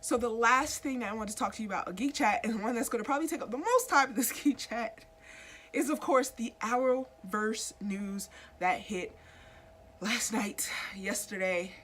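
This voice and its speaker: Speaking at a normal speed in a high-ish, fairly bright voice, a YouTube host in her thirties chats casually about comic book news. She's slightly congested from a cold and keeps addressing her viewers, putting questions to them.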